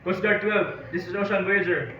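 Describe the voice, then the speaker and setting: A man's voice: sits high, fairly even intonation, moderate pace, bright, forceful tone, a little hiss or hum. A man playing a ship captain who makes formal marine radio calls, repeating call signs and signing off with "over.". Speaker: ship captain in a role-play. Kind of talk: amateur maritime emergency role-play. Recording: echoey room from far off, dull sound, crowd behind.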